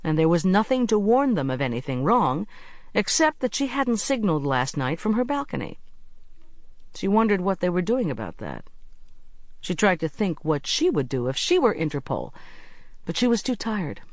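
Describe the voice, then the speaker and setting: Expressive audiobook narrator, dry and close. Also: mid-range voice, dry recording. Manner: expressive, measured storytelling.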